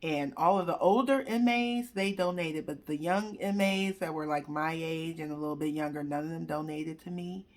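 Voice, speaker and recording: A woman's voice: deep voice, normal speed, few pauses. A young adult woman telling a personal story in a candid, emotional, conversational way, talking straight to her viewers.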